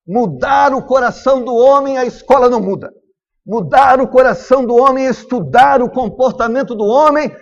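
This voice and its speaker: Brazilian male pastor, lively high voice, dull lo-fi church recording. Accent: Brazilian Portuguese. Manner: animated preaching, acts out family dialogue. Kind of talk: sermon.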